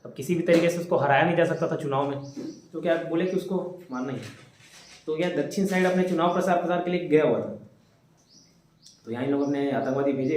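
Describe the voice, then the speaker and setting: A man's voice: mid-range voice, a little mellow. A young man giving a casual classroom lecture, telling history as a chatty story and joking with his students. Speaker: teacher. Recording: echoey room.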